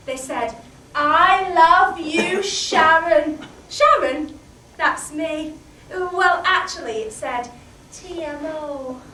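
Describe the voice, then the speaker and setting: A British woman playing a chatty, candid middle-aged housewife in a solo comic monologue, swinging from hushed asides to loud outbursts. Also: high-pitched. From Britain. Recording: roomy, distant mic, faint background noise.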